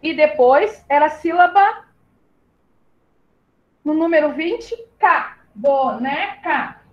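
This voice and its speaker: This primary school teacher from southern Brazil has an extremely high-pitched voice, captured on a muffled recording. Leading little children through syllables online, she stays patient, sounds each one out slowly, and addresses pupils as "my love."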